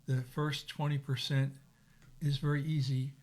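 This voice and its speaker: An older man, a dinner guest, explaining things calmly in casual conversation. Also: medium pitch. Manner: explanatory, even and measured.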